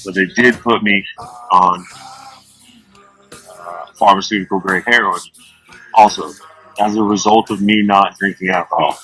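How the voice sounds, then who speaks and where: A man's voice: low-pitched, fairly even intonation, a little slow, long pauses, bright, forceful tone, slightly rough, soft background music, poor audio. A man in his thirties hosting a podcast, telling blunt, profane, darkly joking stories in a casual way. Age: 30s. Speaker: podcast host. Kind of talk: casual storytelling.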